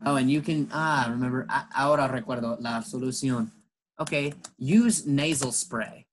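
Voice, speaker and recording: Slow, patient bilingual English teacher man. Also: mid-range voice, poor audio. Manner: slow, patient explaining, switching between English and Spanish. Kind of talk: bilingual classroom lesson.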